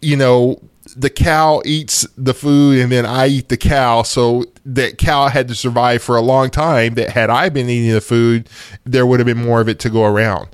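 A man co-hosting a podcast, chatting casually in a slow, hesitant way with some restarts. His pitch is middling and the sound is close and dry. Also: steady tone, smooth, dry recording. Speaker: podcast co-host. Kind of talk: casual chat.

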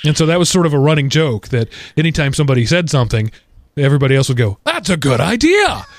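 Speaking at a racing pace in a medium-pitched voice, with no room sound, this podcast host chats casually. His talk wanders with asides and restarts, and his jokes are dry and aimed at himself.

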